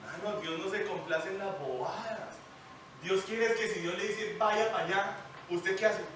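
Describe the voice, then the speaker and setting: Pastor guy cracking jokes mid sermon, high voice, far off in a big echoey church. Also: normal speed, slight background noise. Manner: jokey, animated, asks the congregation questions. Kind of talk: lively sermon. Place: church hall. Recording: echoey church hall, mic at a distance.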